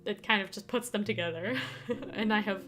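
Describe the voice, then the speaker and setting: With guitar music in the background of her stream, a young native Danish speaker talks informally to her viewers, frequently giggling and starting sentences over. She speaks at a moderate pace in a mid-range, slightly bright voice.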